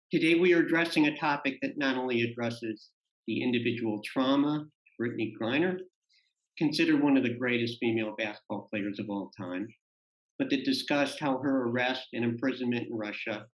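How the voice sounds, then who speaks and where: A man hosting a webinar, reading a formal welcome and speaker introduction in a measured way. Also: mid-range voice. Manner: measured, reads from prepared text. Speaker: webinar host, organization president. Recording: echoey room, dull lo-fi audio.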